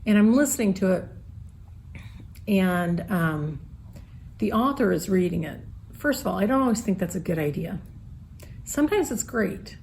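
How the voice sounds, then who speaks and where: Gravelly-voiced woman co-hosting a chatty podcast. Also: medium pitch, animated, moderate pace, pauses often, darkish tone, slight background noise. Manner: chatty, wry, trails off with fillers. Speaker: podcast co-host. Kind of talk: casual chat.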